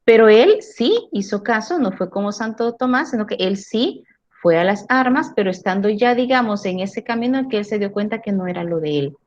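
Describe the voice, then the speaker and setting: A woman's voice: medium pitch, expressive, normal speed. Woman teacher on a dull lo-fi recording. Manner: frequent tag questions, repeats words while thinking. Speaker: philosophy teacher. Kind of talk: class lecture.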